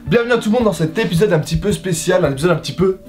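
A man's voice: high-pitched, animated, racing, a little mellow, soft background music. A man in his thirties hosting a casual food vlog, joking and teasing his cameraman. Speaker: food vlogger host.

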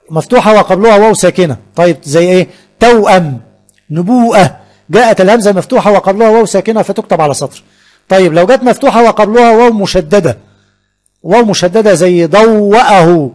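Egyptian male teacher, quick delivery, drawn-out examples, lively classroom style. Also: high-pitched. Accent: Egyptian Arabic. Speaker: Arabic teacher. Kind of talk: classroom grammar lesson.

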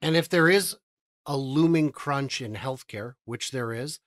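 A man's voice: medium pitch, measured pace, fairly bright tone, no echo, clean studio sound. A man in his thirties, a guest on a video-call interview, speaking eagerly and upbeat into a headset. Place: indoor room.

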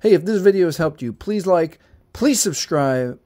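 At a table indoors, a man holds a phone to the camera and explains how to reset it, step by step in a direct, repetitive manner. His high voice is expressive yet dark in tone, at a normal speed.

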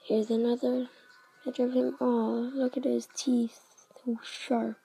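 A woman's voice: a little high, little pitch movement, unhurried, creaky, mellow, slightly rough, rough recording. A woman giving chatty let's-play commentary on a mobile game, narrating each move and often dropping to a half-whisper.

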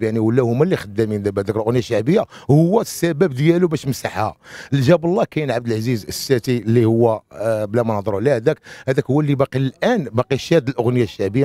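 A man's voice: mid-range voice, warm tone, no echo. A man with a Moroccan Arabic accent, a singer in an interview, talking bluntly and heatedly and dismissing a rival. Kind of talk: street interview.

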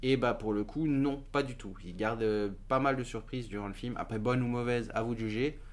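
A man's voice: medium pitch, steady tone, brisk. Hesitant man reviewing a film. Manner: hesitant, many fillers and restarts. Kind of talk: casual spoken film review.

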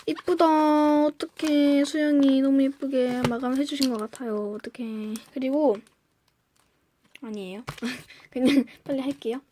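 A woman's voice: sits high, measured pace, slight background noise. A young woman chatting casually through an unboxing review, gushing and gasping, sometimes dropping to a whisper. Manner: excitable, gushing, often gasps and drops to a whisper. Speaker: fan vlogger reviewing merchandise.

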